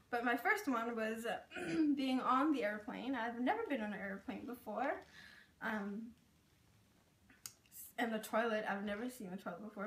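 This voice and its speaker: A young woman from Burma, raised in Thailand, whose first language is Karen, is interviewed and shares her experience through casual, chatty personal stories full of "like" and "um." Her voice is a little high and a bit bright. The mic is distant and the space sounds roomy.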